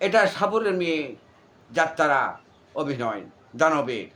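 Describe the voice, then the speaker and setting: A Bangladeshi-accented man in his sixties, an interview guest, recalls village folk theatre in informal, wordy answers that often repeat themselves. His fairly high, fairly bright voice has a sing-song lilt and an unhurried pace.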